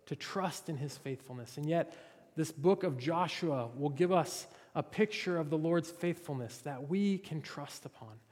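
Brief: male pastor, earnest expository sermon, voice pitched high for a man, long hall reverb. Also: darkish tone. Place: church sanctuary. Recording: reverberant church sanctuary.

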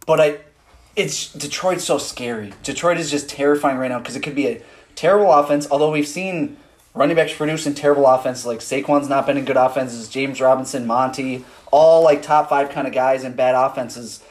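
A man's voice: medium pitch, steady tone, brisk. A man co-hosting a casual fantasy football podcast, talking in long, loose runs full of "like". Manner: rambling, full of "like" fillers. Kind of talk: casual chat.

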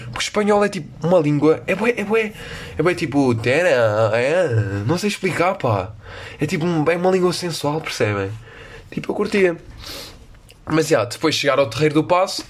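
A young man with a European Portuguese accent telling a rambling, self-mocking story in casual, slangy talk. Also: fairly high pitch. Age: young adult. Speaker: podcast host.

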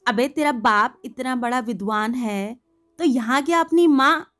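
A woman voicing a short-tempered male village schoolmaster who scolds and shouts abuse at a pupil. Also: high voice, measured pace. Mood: angry scolding.

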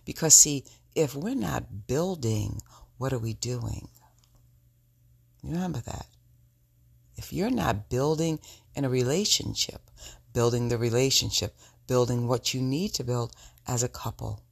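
Sultry, husky woman podcaster with gravelly creak. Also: extremely low pitch. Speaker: podcast host. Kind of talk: reflective solo podcast talk to listeners.

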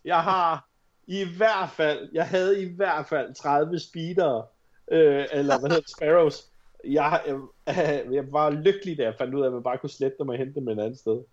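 A man's voice: a little high, highs cut off. A man chatting casually on a podcast, informal, joking and given to swearing. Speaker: podcast panellist. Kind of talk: casual chat.

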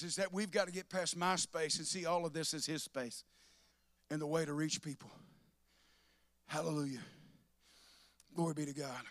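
High bright-voiced preacher. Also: male voice, dry recording. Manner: preacherly, calls on congregation by name, rises to shouting. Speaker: pastor. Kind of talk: sermon.

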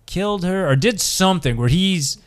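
A man's voice: high-pitched, expressive, moderate pace. Rambling man talking movies. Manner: rambling, many restarts and "like". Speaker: podcast co-host. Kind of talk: casual chat.

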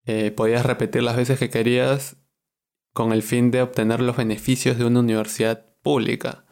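A young man in his twenties hosts a podcast with a relaxed Peruvian Spanish accent. He talks in an easygoing, chatty way at a middle pitch and laughs easily between thoughts. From Peru. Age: 20s. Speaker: podcast host. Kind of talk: casual podcast chat.

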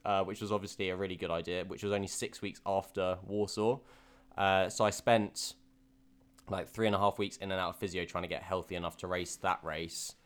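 With a deep, clean voice, this young podcast co-host shares his racing stories openly in casual conversation. He stumbles through lots of fillers and restarts along the way.

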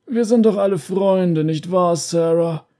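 A man's voice: high-pitched, measured pace, dark tone, pitched above the performer's own voice. A man voicing a smug male official who talks down to a captive in a falsely friendly way. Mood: condescending.

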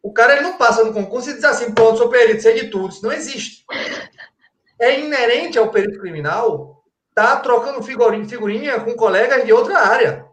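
Here the man sounds very high-pitched, brisk and a bit bright. He's a forensic crime-scene expert from Pernambuco, Brazil, speaking as a guest in an explanatory, conversational way, with frequent "tá?" check-ins, rhetorical questions and a roomy echo.

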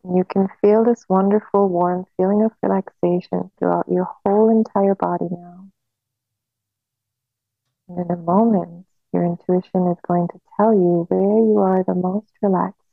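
A woman guiding a hypnosis relaxation in a slow, soothing hypnotist manner with long pauses, on a narrow phone-like recording. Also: fairly low pitch, fairly even intonation, vocal fry, no room sound.

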